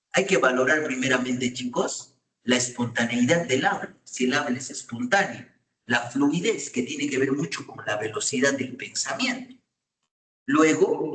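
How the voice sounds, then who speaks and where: A man's voice: mid-range voice, a bit bright, far from the mic. A man giving a university lecture, often checking in with students with short questions. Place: classroom. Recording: echoey room, voice off-mic.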